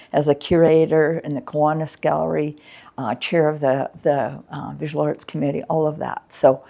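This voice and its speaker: A woman's voice: deep voice, gravelly, warm tone. An older woman, chatting frankly in an interview and reminiscing about her arts work, with plenty of ums. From Canada. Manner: candid and frank, chatty with many fillers. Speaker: interviewee, former arts coordinator. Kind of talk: reflective interview chat.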